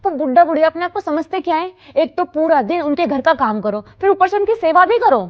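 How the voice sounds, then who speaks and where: A woman's voice: extremely high pitch, expressive, fairly quick. An actress playing a headstrong young married woman who complains indignantly to her mother in a scripted family drama. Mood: complaining. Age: young adult. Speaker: married daughter. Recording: slightly dull lo-fi recording.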